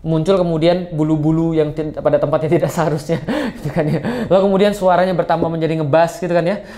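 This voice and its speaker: A man's voice: fairly high pitch, steady tone, fast, warm tone. A male Islamic preacher giving a casual, joking study lecture, often adding tag questions.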